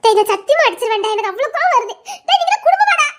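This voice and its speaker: Woman playing a feisty village girl, super squeaky high voice, rattles off teasing lines fast, audio drama. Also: big pitch swings, fairly bright tone, heavily acted. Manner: rapid rural chatter, giggly, mock threats. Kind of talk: Tamil audio love drama.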